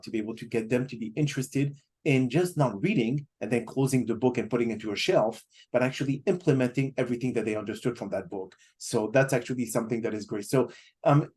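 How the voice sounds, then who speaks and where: A man's voice: medium pitch, darkish tone, breathy edge. A man hosting a podcast, talking at length with many fillers and restarts as he sets up a question. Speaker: podcast host. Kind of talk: casual interview talk.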